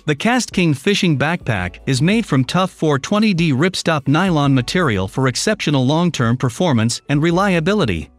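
A man narrating a scripted product review voice-over, reading lists of features in an even, advertising tone. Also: fairly high pitch, no room sound. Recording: faint background music under the voice.

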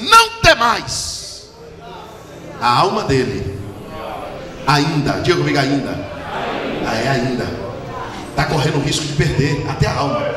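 A Brazilian man preaching a sermon with fervor, swinging from low murmurs to shouted peaks. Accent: Brazilian Portuguese. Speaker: pastor. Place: large church hall. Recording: echoey hall, distant mic, background noise.

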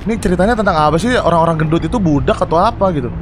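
High-voiced excitable young man streaming. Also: very fast, background noise. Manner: excitable, chatty, addresses chat as guys. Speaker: gaming streamer. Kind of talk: live game commentary.

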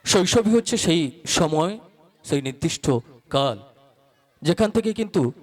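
A man's voice: a little high, darkish tone. A man emceeing a school function in a formal, poetic manner, quoting verse and calling performers to the stage.

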